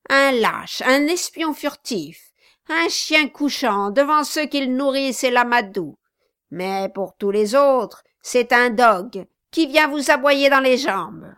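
A woman voicing a loud, spiteful dwarf villain. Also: a little high, smooth, dry recording, studio quality, voice pushed up. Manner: loud, mocking, bullying. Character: spiteful scheming male dwarf, loud and domineering. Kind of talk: audiobook character reading.

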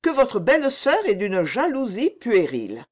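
A woman reading the part of an older queen mother who answers her son calmly and with gentle reproof. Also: a little high, unhurried, pitched above the performer's own voice, full character voice. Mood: reproving.

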